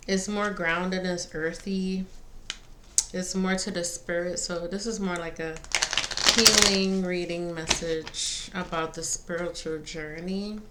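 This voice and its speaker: A woman giving a casual spiritual card reading to viewers, pausing between phrases. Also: on the low side. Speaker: tarot and oracle card reader. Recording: faint background noise.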